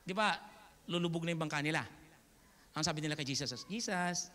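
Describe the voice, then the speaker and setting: A man with a Filipino accent preaching an animated, joking sermon. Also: a little high, quick pace, a little hiss or hum. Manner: animated, joking, mixing English and Tagalog. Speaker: pastor. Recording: reverberant hall.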